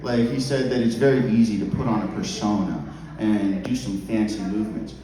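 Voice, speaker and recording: A man's voice: fairly low pitch, steady tone, fairly quick, dark tone. Echoey male stand-up comic, rambling and giggly. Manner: loose, informal, sweary, punctuated with giggly laughter. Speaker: stand-up comedian. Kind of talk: rambling stand-up comedy with crowd work. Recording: very echoey club, distant mic, audience noise.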